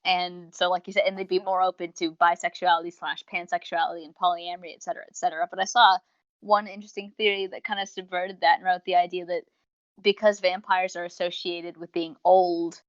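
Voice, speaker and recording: A young woman with a fairly low voice talks fairly quickly as a podcast co-host and reviewer in a casual fan discussion. Chatty and prone to rambling, she gives animated retellings full of acted-out quotes. The sound is dry, dull and lo-fi.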